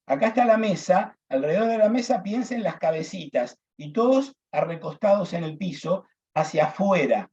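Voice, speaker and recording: A deacon teaching a Bible class, emphatic, repeating key phrases and addressing listeners as brothers. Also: male voice, high voice, dark tone, dull audio.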